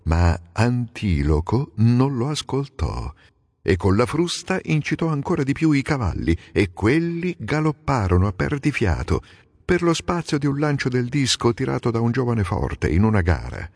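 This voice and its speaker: A man reading a classic epic aloud as an audiobook, measured and expressive. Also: mid-range voice, no room sound, studio quality, long reverb tail. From Italy. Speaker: audiobook narrator. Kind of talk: dramatic audiobook narration.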